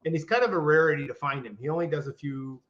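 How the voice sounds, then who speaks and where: A man's voice: fairly high pitch, quick pace. An older man co-hosting a podcast in casual chat, rambling with restarts and fillers. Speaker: podcast co-host. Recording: dull lo-fi audio.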